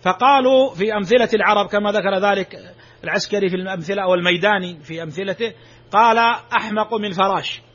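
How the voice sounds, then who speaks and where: Fast, bright-voiced preacher. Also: male voice, high-pitched. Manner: emphatic, rising sharply on exclamations. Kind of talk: sermon. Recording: dull lo-fi recording.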